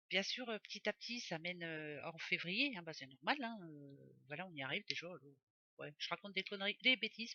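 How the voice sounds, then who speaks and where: A woman's voice: fairly low pitch, pushed and bright, no room sound, lo-fi sound. A woman doing a casual oracle card reading for her viewers, chatty and rambling, often correcting herself aloud. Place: home office.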